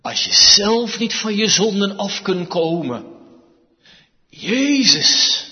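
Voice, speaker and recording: Man, sermon, high voice, slow emphatic delivery, long church reverb, dull sound. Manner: slow, emphatic preaching with wide swings in pitch and loudness. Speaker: preacher.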